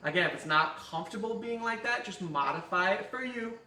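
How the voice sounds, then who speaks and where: A man's voice: high voice, expressive, fairly quick, bright, forceful tone, echoey room, recorded from a distance. A man as fitness coach, leading a guided stretching class with jokes and countdowns. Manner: joking, upbeat instruction with counting. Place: fitness studio.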